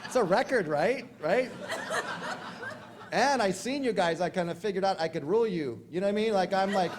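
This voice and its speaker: A man speaking to a convention crowd as a recovery speaker, telling his story in a jokey, slangy way with quick asides. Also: high voice, animated, background noise.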